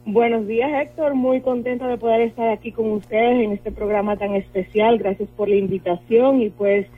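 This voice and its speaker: A woman's voice: fairly high pitch, steady tone, moderate pace, husky. A woman from the Dominican Republic with a Dominican accent, a lawyer explaining her work earnestly with many fillers in a radio interview. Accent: Dominican Spanish. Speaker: lawyer, guest. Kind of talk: radio interview over the phone. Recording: tinny phone line with faint music.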